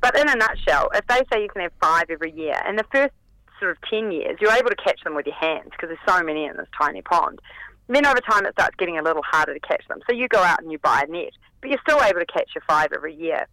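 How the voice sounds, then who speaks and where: Bright, croaky New Zealand woman on phone. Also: lowish voice, animated, quick pace, no room sound. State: croaky from a summer cold. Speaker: radio segment contributor. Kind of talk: casual explainer on a radio show. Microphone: telephone. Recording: tinny phone line.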